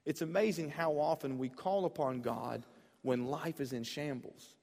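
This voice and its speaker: A young male preacher delivering a sermon in church, his voice a touch higher than most men's. He tells stories with real swings, booming one moment and dropping low the next. A long reverb trails behind him. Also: moderate pace, creaky. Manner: storytelling, swings from loud to quiet. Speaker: pastor.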